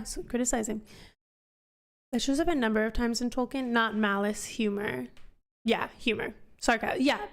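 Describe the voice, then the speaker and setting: Smooth-voiced woman chatting on a stream. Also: on the high side. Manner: chatty, rambling, answers chat questions aloud. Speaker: streamer hosting a book club. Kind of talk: casual live-stream chat. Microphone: headphones on, desk mic.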